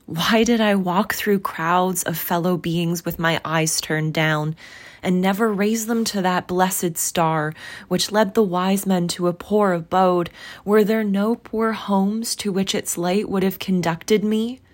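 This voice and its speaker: Lady doing a sad chained ghost from a storybook, slow and solemn, warns in a raised heavy voice. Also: lowish voice, voice pushed up. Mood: mournful. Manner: solemn, grieving, warning. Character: mournful chained ghost of an old businessman. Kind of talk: storybook reading.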